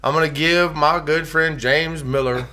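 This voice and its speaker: Male podcast host, forceful bright tone, loose crude banter, getting drunk. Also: on the high side, steady tone, a little slow, slight background noise. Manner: rambling, crude joking. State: drinking beer, getting drunk. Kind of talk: casual, profane podcast banter.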